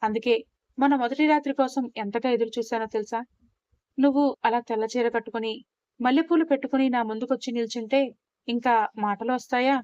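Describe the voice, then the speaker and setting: A reserved young husband, calm and soft-spoken, shy about showing his love, as a woman narrator reads him in her own fairly high voice. The sound is dry and a little muffled. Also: a little fast, no room sound, natural voice. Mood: tender. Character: quiet young husband, reserved but loving.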